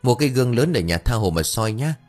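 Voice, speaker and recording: A man voicing a sly middle-aged male merchant who talks in a smooth, coaxing way. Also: mid-range voice, expressive, fast talker, faint music behind, natural voice.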